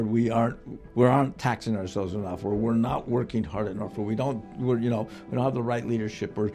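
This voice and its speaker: A man in his eighties, an attorney, speaking in an interview in a thoughtful, measured way with some hesitations. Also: mid-range voice, mellow. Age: 80s.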